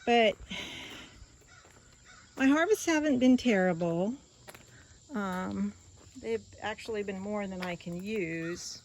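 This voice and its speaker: Slow, musing woman on an outdoor garden walk. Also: mid-range voice, darkish tone. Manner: musing, rambling, trailing off mid-thought. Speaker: gardening vlogger giving a garden tour. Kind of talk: casual chat, unscripted garden walk-through. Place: outdoors in a garden, walking about. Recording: outdoor ambience with insect noise. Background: faint crickets and insects.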